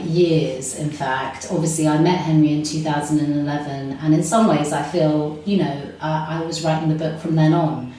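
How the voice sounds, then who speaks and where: This London woman in her forties, a podcast guest, speaks low with a darkish tone, giving reflective, flowing answers packed with filler words. She's recorded in person from a distance in a very echoey room with faint noise.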